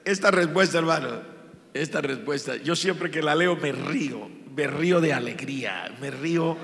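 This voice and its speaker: Impassioned Colombian pastor in a reverberant church. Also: male voice, fairly high pitch, moderate pace, gravelly, fairly bright tone. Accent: Colombian Spanish. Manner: impassioned preaching, emphatic repetition. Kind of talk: sermon. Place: church sanctuary.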